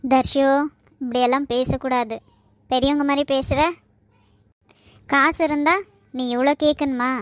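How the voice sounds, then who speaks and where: A woman's voice: high voice, little pitch movement, a little slow, pauses often, no room sound, clean studio sound. A woman voicing a weary, exasperated mother in a cartoon. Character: tired, strained mother.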